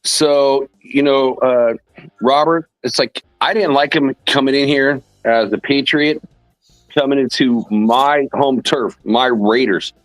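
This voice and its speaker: A man's voice: medium pitch, fairly even intonation, slow pace, no echo, soft background music, poor audio. An older man on a casual podcast panel who rambles and repeats himself for emphasis.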